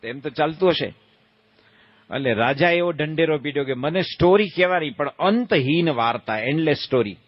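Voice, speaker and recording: A man's voice: fairly high pitch, expressive, moderate pace, no room sound, highs cut off. A man, a swami giving a religious discourse, telling stories in a playful, folksy way and asking his listeners questions. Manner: folksy, playful, asks the crowd questions and acts out voices. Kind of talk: storytelling sermon.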